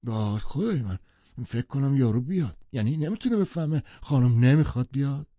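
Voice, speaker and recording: Brief: man playing a husky, very dark-toned snob, coolly dismissive, a bit distant from the mic in a lo-fi audiobook recording. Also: mid-range voice, expressive, no echo, voice pushed up, natural voice. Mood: scornful. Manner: polite but dismissive. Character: aloof, condescending wealthy man, middle-aged.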